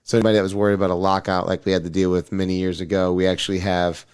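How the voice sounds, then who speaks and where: A man's voice: deep voice, level tone, very fast, a little mellow, clear, resonant tone. A man co-hosting a podcast, rambling casually about sports with lots of hedging and restarts. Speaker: podcast co-host.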